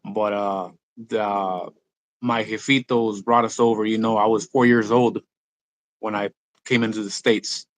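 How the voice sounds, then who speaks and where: A man's voice: lowish voice, level tone, a little slow, no room sound. A Mexican-born man who grew up in California, speaking, talks casually as a rap artist guest, full of slang and restarts. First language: Spanish. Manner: laid-back slang-heavy talk, many restarts. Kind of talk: casual interview chat.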